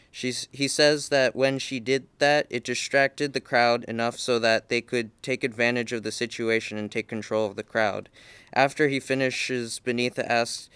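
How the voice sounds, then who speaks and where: A man reading a story aloud in an amateur way, with halting restarts and slips. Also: mid-range voice, fairly bright tone, smooth, dry recording. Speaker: reader.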